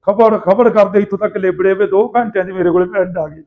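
A man with a Malwai Punjabi accent casually telling anecdotes in rough, earthy, animated banter, acting out people's dialogue. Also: high voice, fast. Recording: tinny, phone-like narrow sound.

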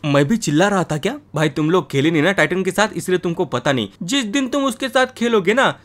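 A man's voice: sits high, expressive, fast, fairly bright tone. A man giving playful, roasting voice-over commentary on his gameplay. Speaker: gaming YouTuber.

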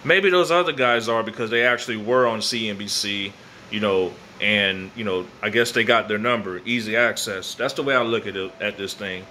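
This American vlogger, a man in his thirties, talks off the cuff to a phone camera at arm's length from an open garage at night while wind blows outside. His voice is bright and forceful yet lowish, moving at a moderate pace, and he leans on slang and repeated phrases. Faint background noise from the garage comes through.

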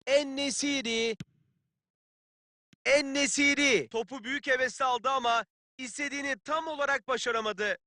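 An actor playing a keen football play-by-play announcer in a video game, calling the match in clipped phrases. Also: male voice, extremely high pitch, moderate pace, pauses often, sharp tone, no echo, studio quality. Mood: keen, tense.

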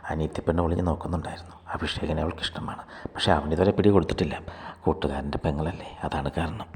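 A man narrating a short story aloud in a steady read-aloud manner. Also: a bass voice, fast. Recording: long hall reverb.

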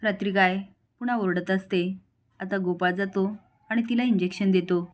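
A woman's voice: medium pitch, fairly even intonation, moderate pace. A woman storyteller retelling a TV serial's plot in plain, running narration.

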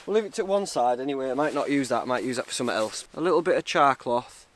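Northern english guy doing a casual camping vlog outside, medium pitch, kinda muttering to himself as he goes. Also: expressive, fast. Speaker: wild camping vlogger. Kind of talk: casual outdoor vlog chat. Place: outdoors in woods by a ruined brick building.

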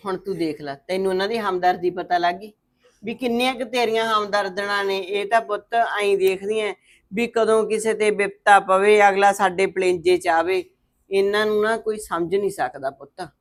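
A woman's voice: mid-range voice, steady tone, normal speed, close to an everyday voice. A middle-aged woman acting a motherly aunt who comforts a crying niece with proverbs. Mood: soothing. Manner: soothing, proverb-quoting. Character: motherly aunt, soothing and stern. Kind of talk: Punjabi web drama acting.

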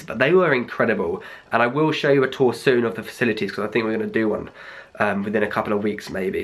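A man's voice: medium pitch, a bit bright. A young man, rambling casually to the camera in a vlog, sounding a bit ill with a blocked nose. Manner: rambling, chatty. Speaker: vlogger.

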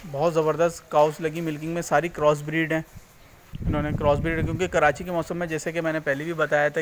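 A man, hosting a casual farming vlog as he walks through an open cattle shed and points things out to his viewers. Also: fairly high pitch. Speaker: farming channel host. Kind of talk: casual walking tour vlog. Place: outdoors on a road, then inside an open-sided cattle shed.

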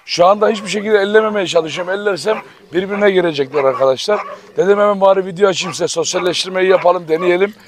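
Man with high voice commanding dogs. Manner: tense, repeatedly commanding dogs to calm down. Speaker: dog owner filming his dogs. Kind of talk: casual vlog commentary. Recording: loud background noise with barking dogs. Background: dogs barking and growling.

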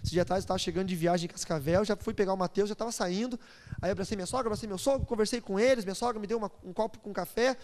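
Male pastor, 30s, high-pitched and lively, storytelling sermon in a big echoing church. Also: rapid-fire. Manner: animated, playful, acts out voices, builds to loud preaching. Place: church hall. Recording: long hall reverb.

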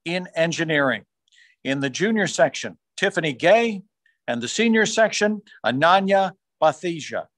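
A man formally reading out science fair award winners on a video call, rising in pitch on each school name. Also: expressive, fairly bright tone, dry recording. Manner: measured, formal announcing, rising on school names. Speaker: awards announcer. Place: small room on a video call. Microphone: video call microphone.

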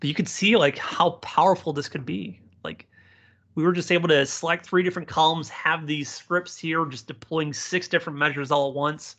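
A man giving an informal live software tutorial, speaking to learners directly and encouragingly as their instructor. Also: fairly high pitch, steady tone, moderate pace. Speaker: software instructor, community presenter.

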